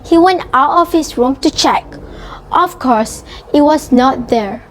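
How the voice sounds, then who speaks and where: A woman reading a scripted children's story, phrasing each sentence deliberately and carefully. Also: high voice. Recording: faint background noise.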